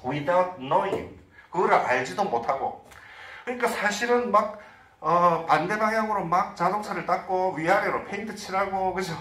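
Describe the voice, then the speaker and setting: A man with a Korean accent teaching an English reading lesson, explaining in Korean and reading English sentences slowly. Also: sits high, fairly bright tone, echoey room, recorded from a distance, rough recording. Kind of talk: online lecture.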